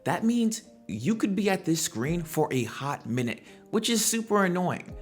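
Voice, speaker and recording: This man's high-pitched, very animated voice moves at normal speed as he hosts a gaming commentary video. He's conversational and slangy, firing off rhetorical questions in casual, opinionated style, over soft background music.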